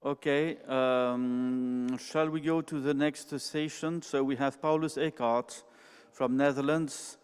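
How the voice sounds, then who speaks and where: Man, French accent, session moderator, brisk apologetic announcing, clear smooth voice, reverberant hall. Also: mid-range voice, fairly even intonation.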